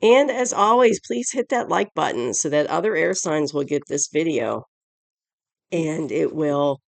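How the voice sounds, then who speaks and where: A tarot reader hosting her channel's casual weekly reading rambles and corrects her phrasing as she goes. Allergies and a sore throat leave her mid-range voice stuffy, congested, and odd-sounding, with vocal fry, in a dry recording.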